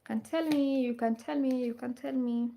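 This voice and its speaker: A woman's voice: a little high, steady tone, moderate pace, gravelly, warm tone. A woman from Kenya hosting a casual livestream, reading out viewer comments and repeating her questions to the audience. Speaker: livestream host. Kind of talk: casual live chat with viewers.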